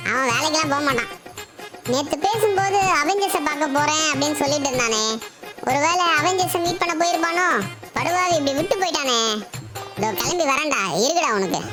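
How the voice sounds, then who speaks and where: A cheeky little cartoon boy, squeaking high and rattling along at a fast clip. He chatters, scolds and exclaims through a game role-play while loud music pumps underneath. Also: lively intonation. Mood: grumbling.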